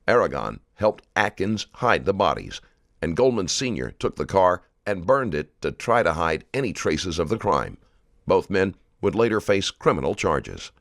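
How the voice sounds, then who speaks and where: A man reading scripted documentary narration in a measured, serious way. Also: low-pitched, very animated, vocal fry, no echo, studio quality.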